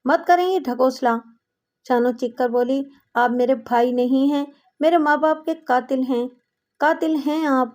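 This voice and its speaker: A woman voicing a defiant teenage girl in an audiobook, reading her lines in a shrill, accusing way. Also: a little mellow, close to an everyday voice.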